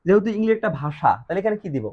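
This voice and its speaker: A man with a Bangladeshi accent leads a grammar lesson, posing questions and answering them himself. His voice sits a little high, and the recording sounds dull and lo-fi. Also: animated, very fast. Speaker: English teacher. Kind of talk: classroom-style grammar lesson.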